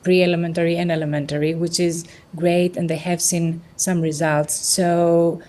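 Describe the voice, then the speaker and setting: A woman's voice: on the low side, flat delivery, moderate pace, dark tone. A woman from Greece speaking earnestly on a panel about patients' needs. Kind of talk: panel discussion.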